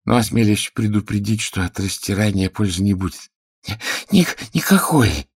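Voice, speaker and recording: A man voicing a timid old male court healer who stammers and speaks in a hushed, deferential way in a storybook reading. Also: lowish voice, expressive, moderate pace, husky, dry recording, clean studio sound, voice pushed up.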